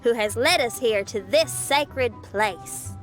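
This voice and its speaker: A woman voicing an expressive young woman, hesitant yet theatrical, in a video game. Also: fairly high pitch, slow pace. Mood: flustered. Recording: loud music behind the voice.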